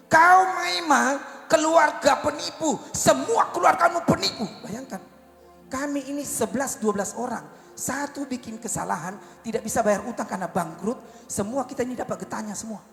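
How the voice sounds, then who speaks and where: An evangelist preaches a storytelling sermon in a brisk, gravelly voice, swinging between loud cries and low asides. The church service takes place in an echoey hall with faint music behind him.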